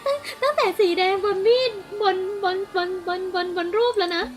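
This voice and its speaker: A woman from Thailand streaming a game live, translating lines aloud with excitable, giggly, chatty asides. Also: extremely high pitch, normal speed, faint music behind.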